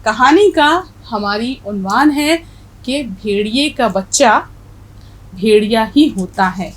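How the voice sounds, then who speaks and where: A woman Urdu teacher with a North Indian Urdu accent, explaining pronunciation as she spells words out slowly letter by letter. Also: a little high, lively intonation, poor audio. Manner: stresses correct pronunciation, asks the viewer questions. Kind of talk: explaining a lesson.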